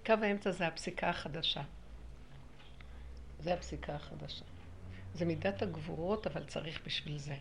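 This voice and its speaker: A woman teaching a spiritual lesson to a small group, animated, acting out quotes and laughing often. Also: deep voice, gravelly, pauses often, slight background noise.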